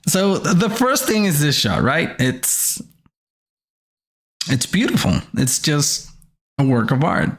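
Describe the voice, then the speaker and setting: A man hosting casual reaction commentary on commercials, halting as he searches for words. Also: fairly high pitch, big pitch swings. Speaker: host reviewing commercials.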